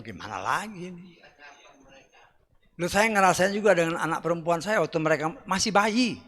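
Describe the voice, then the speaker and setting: Blunt, bright-voiced middle-aged preacher. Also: male voice, on the high side. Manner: blunt, rough-spoken, emphatic; swings between loud bursts and quiet asides. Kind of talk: sermon. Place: church hall. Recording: church hall reverb.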